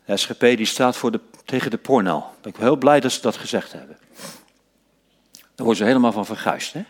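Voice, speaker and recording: A man preaching a sermon, dropping to hushed whispers and rising to loud, emphatic passages, slowing down to stress key phrases. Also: mid-range voice. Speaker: pastor.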